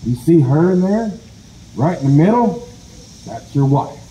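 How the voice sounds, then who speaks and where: A man voicing a sly male rabbit trickster in a told folk tale, breezy and smooth-talking. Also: fairly high pitch, very animated, unhurried, warm tone, roomy sound, voice pushed up, low-quality recording. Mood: scheming.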